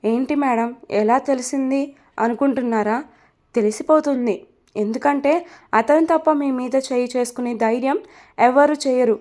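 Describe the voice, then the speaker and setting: A protective young woman who fusses over her boss and flares up against whoever hurt her, voiced by a woman narrator. The voice is high and eager. It suits a spoken romance storybook. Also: normal speed, darkish tone, natural voice. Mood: indignant. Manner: protective, indignant. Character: loyal, fiery young female assistant.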